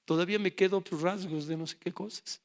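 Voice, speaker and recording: A man's voice: high voice, fairly even intonation, brisk. A middle-aged male pastor giving a sermon, telling his testimony and acting out his family's voices. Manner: acts out family dialogue in raised voices.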